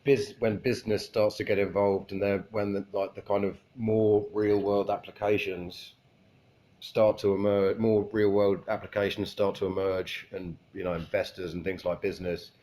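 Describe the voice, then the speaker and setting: A man with a naturally deep, low voice hosts an interview over a call. He asks his questions politely and rephrases them to make them clear. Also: little pitch movement, moderate pace, darkish tone.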